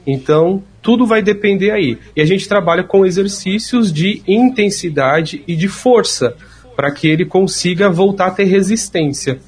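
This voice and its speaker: A man's voice: high-pitched, moderate pace, breathy edge. A man, a speech therapist patiently explaining treatment step by step in an interview.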